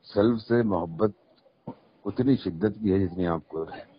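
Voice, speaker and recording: A man's voice: sits low, racing, slightly rough. A man on a phone call, earnestly making long explanations in formal, religious vocabulary. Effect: heard over a phone line. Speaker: online video maker taking a call. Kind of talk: casual phone conversation. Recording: muffled phone call recording.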